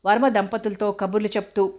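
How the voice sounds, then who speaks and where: A woman narrating a novel as an audiobook, with a steady, even reading. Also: medium pitch, fairly quick.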